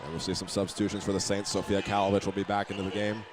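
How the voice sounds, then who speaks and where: A man rattles off rapid-fire basketball play-by-play in a lowish, level voice over a noisy crowd and gym ambience. He keeps it matter-of-fact, though he sometimes stumbles and repeats words.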